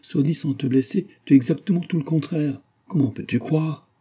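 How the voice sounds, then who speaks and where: A man's voice: normal speed, warm tone, husky. A man reading aloud, raising his voice to voice a knowing, teasing young woman friend in a storybook novel. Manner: raised pitch for young woman.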